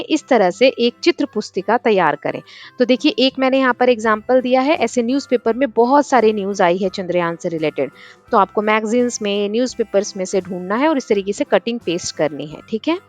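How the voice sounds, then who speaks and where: Woman teacher explaining a worksheet. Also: on the high side. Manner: patient, explains step by step with examples. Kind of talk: worksheet lesson for children. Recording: dull lo-fi voice-over with faint music.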